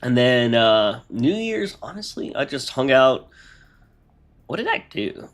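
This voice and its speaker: A man's voice: mid-range voice, very animated, takes it slowly, fairly bright tone. Congested man rambling on a stream. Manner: rambling, talks through his work aloud. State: congested, nasal. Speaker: game modding streamer. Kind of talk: casual live-stream chat.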